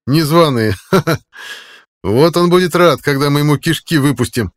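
A man voicing a reckless young male soldier in an audiobook, loud and taunting. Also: medium pitch, a little fast, clear, resonant tone, pitched above the performer's own voice, lightly acted. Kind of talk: audiobook character voice.

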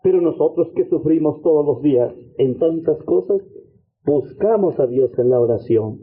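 A husky-voiced man preaches a fervent missionary sermon at a moderate pace, leading the congregation through repeated prayer invocations. His delivery is expressive, swinging between low and high pitch. The audio sounds tinny, like a phone line.

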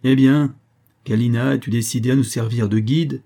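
A man's voice: mid-range voice, fairly even intonation, moderate pace, warm tone, natural voice. A man reading aloud, voicing a cruel male convict bandit who tortures a prisoner with a mocking, hissing manner. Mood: menacing. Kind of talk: audiobook character voice.

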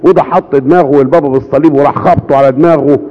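Brief: Egyptian Arabic male preacher, rather high voice, storytelling sermon, dull recording. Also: racing. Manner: lively storyteller, asks rhetorical questions. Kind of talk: sermon telling miracle stories. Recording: dull audio with long hall reverb.

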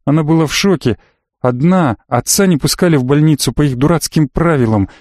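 A man voicing a quiet, earnest young man who pleads and confides through a closed door. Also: fairly high pitch, fairly quick, no echo, clean studio sound, close to an everyday voice.

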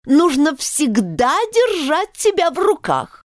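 A woman's voice: high voice, very animated, takes it slowly, dry recording, clean studio sound, voice pushed up, exaggerated voice. A woman voicing a prim, lecturing old mother jellyfish in a storybook.

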